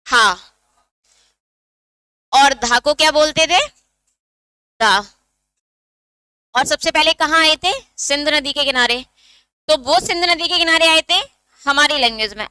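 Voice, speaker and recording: A woman's voice: sits high, bright, forceful tone, dry recording. A woman teacher giving an exam-prep lesson, explaining step by step and asking her students questions that she answers herself.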